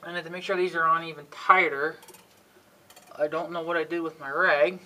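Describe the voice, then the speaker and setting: Rambling through an antenna assembly demo, the man keeps clearing his throat, muttering to himself in a folksy way and letting out mild frustrated cusses. He speaks a little fast in a slightly high, sharp voice with fairly even intonation. It's a clearly noisy homemade recording with clicks.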